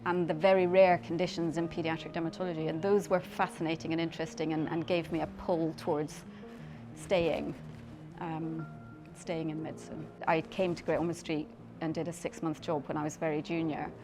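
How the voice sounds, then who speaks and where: A woman's voice: deep voice, little pitch movement, brisk, music in the background. A middle-aged woman, a clinician scientist from Scotland raised in Belgium, talking thoughtfully in a profile interview, often restarting and repeating words as she explains. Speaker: clinician scientist in paediatric dermatology.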